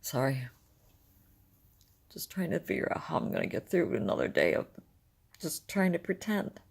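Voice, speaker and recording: An older woman, tired from lack of sleep, rambles candidly in a personal video diary, her deep, gravelly morning voice sounding like a smoker's. She talks at a normal speed with a sing-song lilt, vlogging as she goes.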